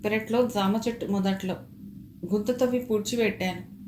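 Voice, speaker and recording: A woman reading aloud, voicing a fearful male servant who speaks haltingly, recorded with a roomy echo. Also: mid-range voice, steady tone, a little mellow, slight background noise, natural voice. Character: frightened male servant, timid.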